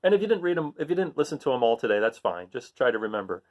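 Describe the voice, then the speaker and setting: In a muffled recording, a mid-range male voice reads very fast to an audience of kids. He performs the sound words with gusto and mixes in plain, casual comments for the children between story bits.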